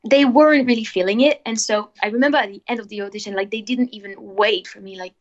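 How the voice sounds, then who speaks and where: A woman's voice: medium pitch, quick pace. Chatty woman on a muffled call. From France. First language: French. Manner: chatty, lots of "like" fillers. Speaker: singer guest. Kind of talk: casual interview chat.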